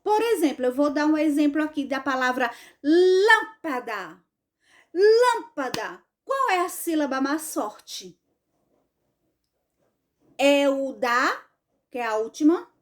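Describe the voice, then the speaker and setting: A Brazilian woman teaching an online class in a high, singsong voice. She talks slowly and patiently, repeating each point and calling her pupils endearing names as she checks they understand. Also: expressive. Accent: Brazilian Portuguese.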